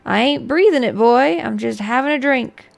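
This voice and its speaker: Woman playing old female elf sorceress, storybook character, high-pitched, creaky, teasing, cryptic. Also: moderate pace. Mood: dismissive, amused. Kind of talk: storybook read aloud.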